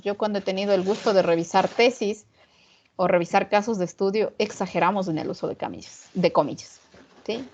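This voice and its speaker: A woman teaching an online class on punctuation, often checking in with rhetorical questions to her students. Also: medium pitch. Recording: muffled lo-fi online class audio.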